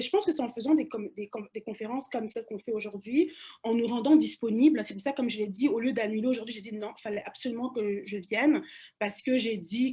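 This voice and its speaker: A young woman from Cameroon with a Central African French accent, speaking as a guest on a panel discussion, animated, restarting her phrases often and slipping into English. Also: on the high side, breathy edge.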